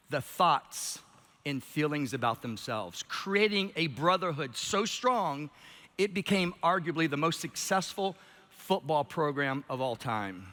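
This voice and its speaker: A man's voice: fairly high pitch, bright, forceful tone, long reverb tail. A man giving a passionate motivational speech from a stage. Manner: passionate, emphatic delivery. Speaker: keynote speaker.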